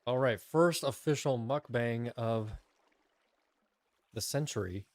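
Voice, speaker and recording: A man's voice: medium pitch, takes it slowly, a little mellow, no echo. A man streaming a game, chatting casually with his chat and eating a meal at his close desk mic. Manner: chatty, eats on mic while talking to chat.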